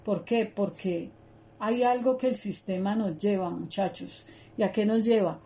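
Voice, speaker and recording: A woman's voice: medium pitch, a little slow, dark tone. A woman teaching a Bible study in an earnest, conversational way, repeating her words and speaking straight to her listeners. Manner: earnest, repetitive, addresses listeners directly.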